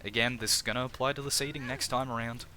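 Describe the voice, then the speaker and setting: A man with an Australian accent casting a live game tournament in a chatty, energetic way, often restarting his phrases. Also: mid-range voice, fast, background noise. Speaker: tournament caster and streamer.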